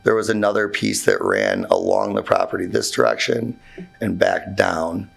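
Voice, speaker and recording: In a township meeting room, a contractor informally presents his building requests to the zoning board, his hoarse, worn-out voice nearly gone. He speaks haltingly with lots of fillers and restarts, sitting low in pitch but swinging widely.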